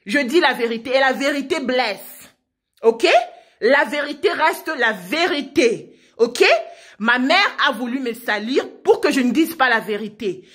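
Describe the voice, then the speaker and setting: A young woman in her twenties speaks in a notably high voice, pleading insistently with her listeners. She piles up rhetorical questions, repeats herself and trips over restarts as she presses her case. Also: expressive, measured pace, a bit bright. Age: 20s. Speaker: provincial deputy denouncing her parents. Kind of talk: impassioned public appeal.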